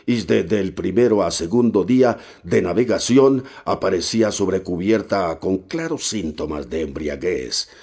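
A man reading a novel aloud as narrator, steady and measured with occasional hesitations. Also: low-pitched, gravelly, slightly rough. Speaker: audiobook narrator.

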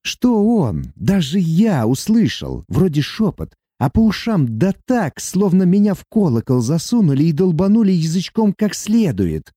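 A man's voice: high voice, huge pitch swings, unhurried, hardly any pauses, warm tone, no room sound, studio quality, pitched above the performer's own voice, exaggerated voice. A man voicing a grim, sullen man who grumbles out an explanation.

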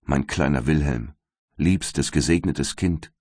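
A man voicing a condemned, devout young servant woman in a storybook reading, tearful and imploring in a very deep voice. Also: takes it slowly, darkish tone, no echo, studio quality, full character voice. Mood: tender.

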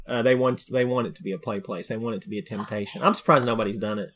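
A man's voice: on the low side, steady tone, racing, a bit bright, husky. A man co-hosting a podcast, chatting casually with easygoing, rambling jokes. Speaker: podcast co-host. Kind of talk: casual chat.

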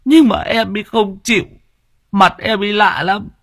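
A man voicing a tearful, heartbroken young man who blubbers in a high, strained voice. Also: moderate pace, fairly bright tone, dry recording, studio quality. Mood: weepy. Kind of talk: audiobook character voice.

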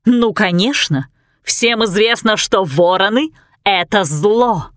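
A woman reading aloud, voicing three mocking witch sisters who taunt in a slow, drawn-out, sing-song way. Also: mid-range voice, no echo, studio quality, natural voice. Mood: mocking chant.

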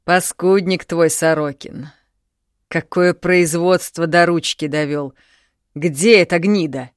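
A woman's voice: lowish voice, expressive, measured pace, no room sound, studio quality. A woman voicing a blunt, scolding older man in an audiobook, coarse and commanding. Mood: angry. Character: older man, gruff and bossy factory owner.

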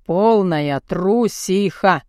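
A woman's voice: mid-range voice, drawn-out words, a little mellow, no echo, studio quality. A woman voicing a crude, cocky young muscleman who taunts and speaks bluntly in an audiobook. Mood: mocking. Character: crude cocky muscular young man, mocking and pushy. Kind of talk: audiobook character voice.

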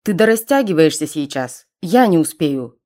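A woman voicing a crude, leering male raider with a husky, coarse voice in an audiobook. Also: low voice, sing-song, normal speed, warm tone.

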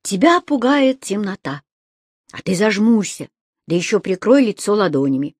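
A woman voicing a kindly old man who calmly reassures and gently lectures in an audiobook story. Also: medium pitch, moderate pace, slightly rough, no echo, studio quality. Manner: calm, soothing, a little lecturing.

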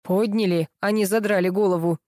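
A woman's voice: medium pitch, unhurried, darkish tone, dry recording, clean studio sound, close to an everyday voice. A woman voicing an impatient male show director who barks orders at contestants. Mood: commanding. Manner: barking commands.

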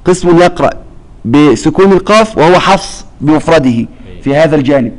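A man's voice: fairly high pitch, expressive, fairly quick, a little mellow, rough recording. A man teaching a Quran recitation lesson, explaining step by step and checking with his students that they follow. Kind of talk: classroom lesson.

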